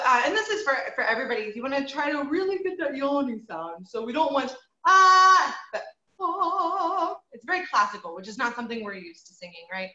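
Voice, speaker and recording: A woman voice teacher leads a group singing lesson, patient and encouraging, with many ums and sung demonstrations. Her voice is a little high, pushed, and bright, and the recording sounds roomy and slightly dull.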